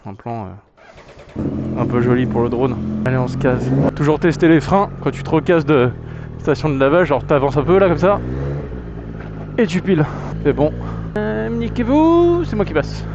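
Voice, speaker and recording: A young man, a moto vlogger, riding outdoors and chatting casually to himself, slangy, joking and swearing a lot. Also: mid-range voice. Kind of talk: casual vlog commentary while riding. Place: outdoors on a motorbike in traffic. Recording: muffled helmet mic with loud wind and traffic noise.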